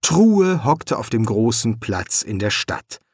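A man reads a storybook aloud in a slow, measured way. His somewhat raised voice moves through a lively range of pitch. The recording is close and dry, with no room sound. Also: no echo. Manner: measured, expressive reading. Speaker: audiobook narrator. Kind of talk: scripted storybook narration.

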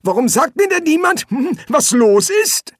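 A shrill, ancient old wizard. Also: very animated, unhurried, no echo, studio quality. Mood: querulous. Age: older. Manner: querulous, shouting.

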